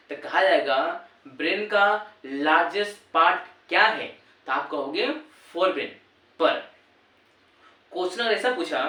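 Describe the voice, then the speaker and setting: A man's voice: high voice, bright, forceful tone. A male teacher giving a classroom lesson, repeating terms and quizzing students in call-and-response. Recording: echoey room, voice from far off.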